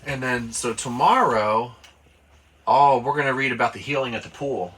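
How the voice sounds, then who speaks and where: A man's voice: medium pitch, animated, moderate pace, fairly bright tone, breathy edge. A man reading the Bible aloud with his child and then explaining it in loose, casual talk. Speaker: father leading family Bible study.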